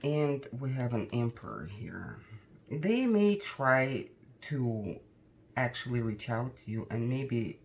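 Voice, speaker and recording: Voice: mid-range voice, expressive, a little slow, gravelly, a little mellow, slight background noise. A tarot card reader talking casually to viewers in a conversational, cautioning way, often tagging questions onto statements.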